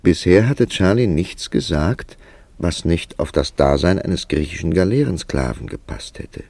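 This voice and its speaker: A man with a very low, creaky, exaggerated voice narrates a German radio drama as an inquisitive, absorbed storyteller. His intonation swings lively while his delivery stays measured and literary, recorded dry and close with no room sound.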